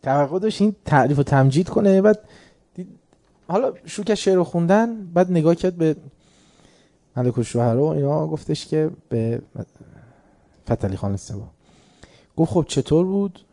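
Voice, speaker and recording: A man's voice: on the high side, animated, pauses often, mellow. A man giving a religious lecture, telling an anecdote in a conversational way and chuckling at his own story.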